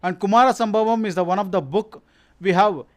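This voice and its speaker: A man speaking English with a Kannada Indian accent, giving an informal presentation in a halting, self-correcting, repetitive way. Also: high-pitched. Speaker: science organisation representative presenting its activities.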